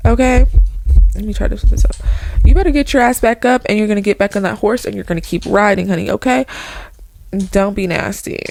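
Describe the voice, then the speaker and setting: A woman's voice: mid-range voice, vocal fry, a little mellow, no echo. A woman in her twenties chatting casually to her viewers as a vlogger, earnest and rambling, full of "like" and "okay". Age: 20s. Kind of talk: casual motivational chat.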